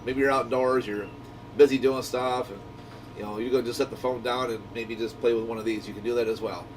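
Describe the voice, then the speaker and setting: Speaking a little fast with fairly even intonation, a man delivers a casual, rambling product review. He's conversational and enthusiastic, much like a shop owner talking to viewers. The microphone is distant, and a noisy, low rumbling hum can be heard.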